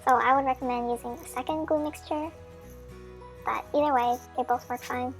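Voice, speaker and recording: A craft tutorial maker's voice, sped up into a high-pitched chipmunk sound, gives a chatty, friendly how-to voice-over with small slips. The pace is brisk and the intonation fairly even, with faint music behind.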